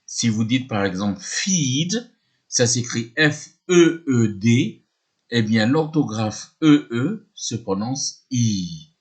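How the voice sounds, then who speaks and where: A man's voice: mid-range voice, expressive. A man teaching a lesson, explaining patiently, often hesitating and repeating himself, spelling words letter by letter. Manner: often hesitates with drawn-out fillers. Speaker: English teacher.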